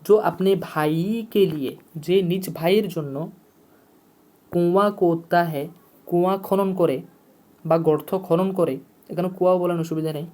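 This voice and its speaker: A teacher explaining vocabulary in a lesson, repeating each word and its meaning over and over. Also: male voice, high-pitched, measured pace, long pauses, dark tone. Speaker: Urdu teacher.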